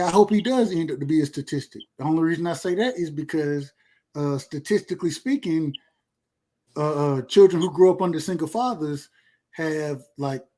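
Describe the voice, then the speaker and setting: Man, 30s, fairly high voice, loose rambling podcast host talk. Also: a little mellow. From Georgia, USA. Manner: laid-back, boastful, rambling with repeats. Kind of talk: casual chat.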